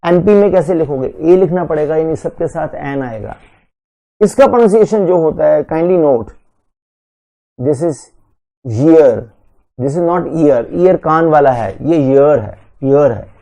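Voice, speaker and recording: This is a male teacher, switching between Hindi and in a classroom lecture. He talks slowly and deliberately and keeps quizzing his listeners. His voice sits a little high but sounds dark and mellow. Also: lively intonation. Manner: slow, deliberate, asks students questions. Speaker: English teacher for entrance exams.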